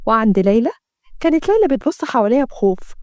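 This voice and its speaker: A woman with an Egyptian accent narrating a scripted story in a brisk, steady way. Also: on the high side, no echo, studio quality. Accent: Egyptian Arabic.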